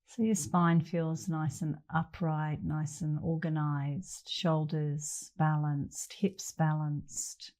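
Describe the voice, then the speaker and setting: A middle-aged woman instructs a guided meditation in a low-sitting voice with flat delivery. She speaks gently and lets long pauses fall between phrases.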